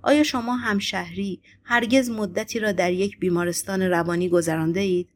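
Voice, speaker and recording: A woman's voice: mid-range voice, steady tone, no room sound, natural voice. A woman voicing a hot-tempered young male poet who speaks bluntly and with hostility in an audiobook. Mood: hostile.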